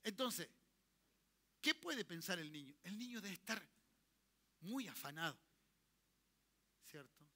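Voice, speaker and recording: A man's voice: high-pitched, sing-song, takes it slowly, pauses often, pushed and bright. A man with a Chilean accent preaching a sermon in church, checking in with his congregation and leading them in call-and-response. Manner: leads call-and-response, tells listeners to repeat. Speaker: pastor.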